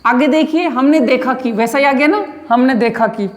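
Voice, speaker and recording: A woman's voice: high-pitched, long reverb tail, slight background noise. A woman teaching English grammar, explaining translation step by step and checking in often with her students. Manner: slow, repetitive, checks in often with rhetorical questions.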